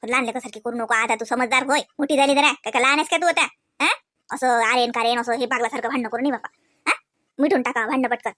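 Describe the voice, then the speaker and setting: A woman's voice: fairly high pitch, steady tone, fast talker, fairly bright tone, no echo, studio quality. A woman voicing an older female family elder in a cartoon, scolding but kindly and giving homely advice. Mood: lecturing. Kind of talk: cartoon voice acting.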